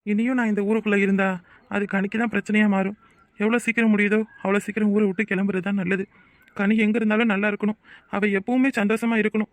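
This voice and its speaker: A man's voice: sits high, fast, no echo, lightly acted. Man voicing a patient, self-sacrificing friend. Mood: resigned. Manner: calm, reasoning, heartfelt. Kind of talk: cartoon voice acting.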